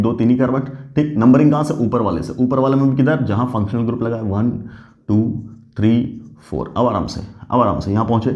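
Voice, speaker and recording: A man's voice: medium pitch, darkish tone, lo-fi sound. A man teaching a chemistry lesson, asking questions and answering them himself, praising the students as he goes. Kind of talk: classroom lecture.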